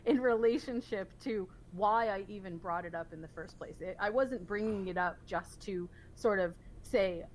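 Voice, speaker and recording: A woman co-hosting a casual TV recap podcast, talking in an animated, analytical way with frequent restarts. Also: medium pitch, normal speed, hardly any pauses, slight background noise, rough recording. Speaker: podcast co-host.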